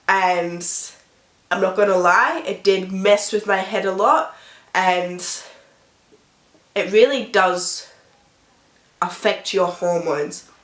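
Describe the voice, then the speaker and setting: A woman's voice: medium pitch, a bit bright. A woman vlogger chatting casually to camera while sick with a blocked nose, breathing through her mouth. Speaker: beauty vlogger. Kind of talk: casual talk to camera about personal experience. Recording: echoey, roomy sound.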